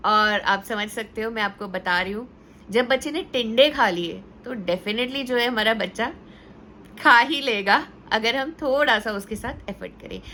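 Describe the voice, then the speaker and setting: A woman's voice: a little high, measured pace, pushed and bright, a little hiss or hum. A woman teacher giving conversational parenting advice, telling stories and mixing English words into her Hindi. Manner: storytelling with acted quotes.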